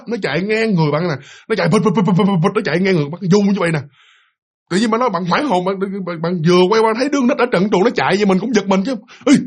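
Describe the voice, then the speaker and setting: A man's voice: high voice, husky. A man with a Southern Vietnamese accent telling a ghost story in a casual, chatty way, speaking to the listener as "you" and imitating the sounds he describes.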